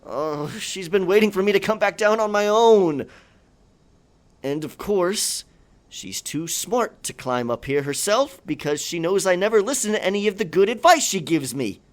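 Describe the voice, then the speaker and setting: Tender and regretful, a man's pirate captain in a scripted audio roleplay is theatrical and sentimental, speaking old-fashioned pirate talk in a gravelly voice with halting, stammering drama. His voice sits high with lively intonation.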